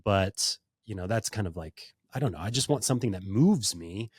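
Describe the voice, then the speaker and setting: A man's voice: lowish voice, expressive, normal speed, husky, no echo, studio quality. A man hosting a podcast interview in a casual, rambling way, full of fillers and restarts. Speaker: podcast host.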